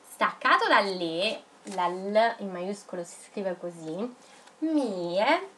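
A woman teaching young children in a video lesson, dictating words slowly and spelling them out syllable by syllable. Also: medium pitch, lively intonation, fairly bright tone, slight background noise. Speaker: primary school teacher.

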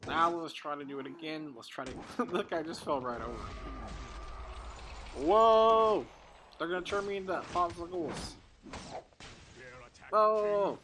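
A man's voice: a little high, moderate pace. Playful man narrating gameplay, noisy recording. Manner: playful, excitable, talks to his child while playing. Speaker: gameplay video host. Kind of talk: casual gameplay commentary.

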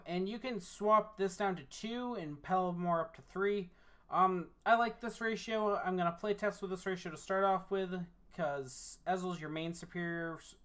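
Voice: medium pitch, a bit bright. A tired deck reviewer walking through a card game deck casually, reading card text aloud between remarks. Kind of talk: casual deck profile walkthrough.

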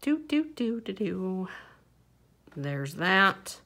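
Slow-talking woman explaining a craft. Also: medium pitch, big pitch swings, pushed and bright. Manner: unhurried, chatty step-by-step instructions with fillers. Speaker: papercraft instructor. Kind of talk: hands-on craft tutorial. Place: indoor craft table.

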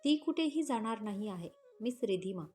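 A woman's voice: on the high side, animated, normal speed, darkish tone, lightly acted. Woman reading a stern young male boss. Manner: stern, commanding.

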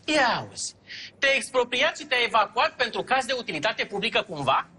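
An actress playing a scheming mayor who dodges requests and performs for a camera. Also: female voice, fairly high pitch, big pitch swings, sharp tone, slight background noise. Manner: evasive, theatrical. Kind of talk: sitcom acting.

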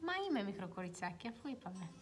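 A young woman hosting a casual makeup livestream, chatting and reading viewer comments aloud, sometimes dropping to quiet mutters. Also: mid-range voice, lively intonation. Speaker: beauty livestream host. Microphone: phone.

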